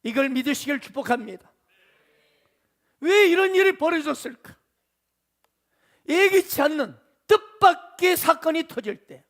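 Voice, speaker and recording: A male pastor preaching with a strikingly high, gravelly voice. His pitch swings widely as he questions the congregation and acts out the figures in the story. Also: fairly bright tone. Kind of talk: sermon.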